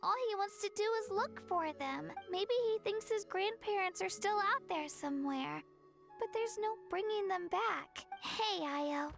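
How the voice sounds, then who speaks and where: With faint music behind her, a video game's young girl character offers encouragement in a very high, slightly creaky voice, a little slow and exaggerated in delivery. She comes across as gentle, earnest and soft-hearted, a bit hesitant, with a concerned, sympathetic mood.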